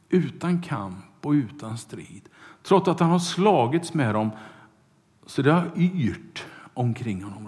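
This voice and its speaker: A man preaching a sermon, retelling a Bible story with loud bursts and hushed asides. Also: mid-range voice. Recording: long hall reverb.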